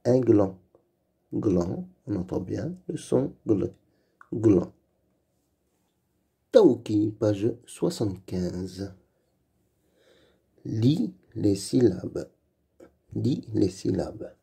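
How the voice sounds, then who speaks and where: A man leading a slow reading lesson for young children, saying each sound and word twice. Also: on the low side, lively intonation, mellow. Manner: repeats each word and sound slowly and clearly. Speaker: reading teacher.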